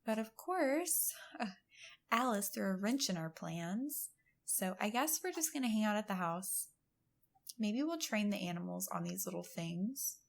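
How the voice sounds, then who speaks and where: A woman's voice: mid-range voice, expressive, measured pace, vocal fry. A woman hosting a let's-play, giving chatty, giggly gameplay commentary and laughing often. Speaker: gaming channel host.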